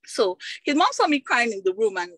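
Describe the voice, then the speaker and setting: A woman's voice: on the high side, big pitch swings, brisk, a bit bright, breathy edge, no echo, low-quality recording. A Nigerian woman recounting a painful personal story as an interview guest, speaking emotionally and often ending with "you get".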